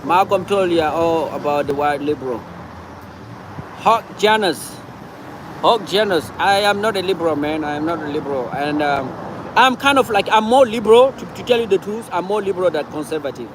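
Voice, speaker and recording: Guy chatting on his live stream, kinda high voice, traffic noise behind him, keeps repeating stuff. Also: expressive, brisk. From Cameroon. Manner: chatty, answers viewer comments aloud and repeats himself. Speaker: livestream host. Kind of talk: casual livestream chat answering viewers.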